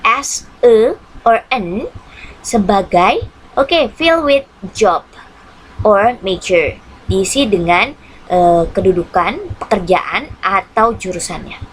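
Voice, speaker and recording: A woman teacher with an Indonesian accent, giving an online English lesson and translating each English line into Indonesian, with frequent hmm pauses. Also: medium pitch, animated, slight background noise, rough recording. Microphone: computer mic on a screen-shared video lesson.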